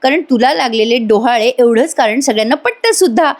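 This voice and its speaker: An earnest young wife from a TV serial asks pointed questions, read by a woman recapping the episode. Her voice sits a little high. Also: animated, a little fast. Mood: probing.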